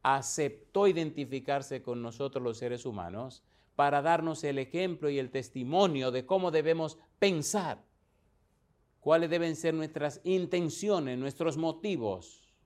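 A man preaching a sermon, reading scripture and explaining it in a slow, deliberate way. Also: on the high side, darkish tone.

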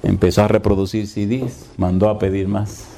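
A man's voice: fairly low pitch, level tone, normal speed, dark tone, a little hiss or hum. A male preacher telling stories in a sermon and firing rhetorical questions at his congregation.

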